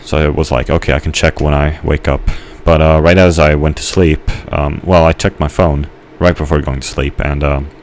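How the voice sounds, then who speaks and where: Super deep voiced guy rambling while he plays, lots of ums, slight background hum. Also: level tone, normal speed, hardly any pauses. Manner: rambling, hesitant, full of fillers and restarts. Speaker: gamer narrating his gameplay. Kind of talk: casual rambling commentary.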